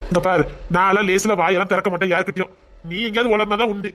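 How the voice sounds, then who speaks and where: Quick-talking young village man, coaxing, reassuring, acted. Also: medium pitch, fairly even intonation, fairly bright tone, lightly acted. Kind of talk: amateur village drama.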